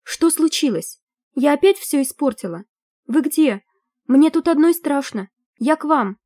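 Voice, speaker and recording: A high, plaintive voice of a timid and naive teenage girl, put on by a woman reading a storybook. She fusses and squeals, soft and dark in tone, close and dry. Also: animated, a little slow, no room sound.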